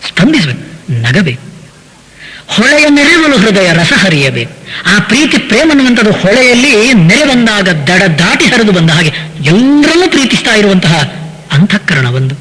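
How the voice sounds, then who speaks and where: A man with a high, husky voice giving a devotional talk on verses. He poses rhetorical questions and addresses the listeners as sir. Now and then he stops to chant a verse slowly. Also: a bit bright, in a large hall, rough recording. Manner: chants verses slowly between spoken explanation. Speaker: spiritual lecturer. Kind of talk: devotional discourse on poetic verses.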